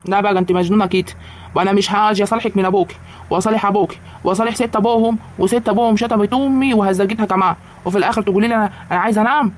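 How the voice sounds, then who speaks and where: A performer voicing a young village husband in an animated comedy, eager and pleading in an Egyptian rural accent. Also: medium pitch, racing, natural voice.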